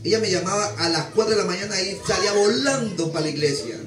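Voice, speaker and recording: A man's voice: sits high, fast, echoey room, recorded from a distance. A man preaching, giving an emotional testimony and calling his listeners brother again and again. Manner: emotional, keeps addressing listeners as "hermano". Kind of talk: sermon testimony. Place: church.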